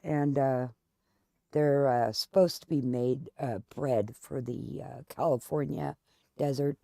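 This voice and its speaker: A woman's voice: extremely low pitch, takes it slowly, creaky, mellow, dry recording, studio quality. A woman hosting a gaming video, chatting casually and candidly in a rambling, storytelling way while she plays. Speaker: gaming channel host. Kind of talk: casual chat while playing a game.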